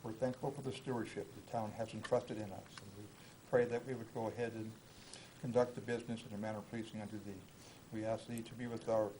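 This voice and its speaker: A man with an American accent giving a public invocation in solemn, halting phrases. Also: mid-range voice, warm tone, a little hiss or hum, rough recording. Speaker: council meeting invocation giver. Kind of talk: public prayer. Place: council meeting room.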